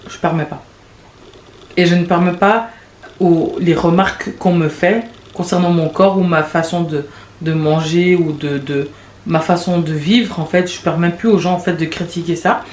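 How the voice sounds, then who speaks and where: A woman in her late twenties hosting a podcast, talking in a rambling, confessional way with quick restarts and laughs. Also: lowish voice, fairly even intonation, a little mellow. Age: late 20s. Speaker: podcast host. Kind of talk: casual confessional monologue. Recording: echoey room with faint background noise.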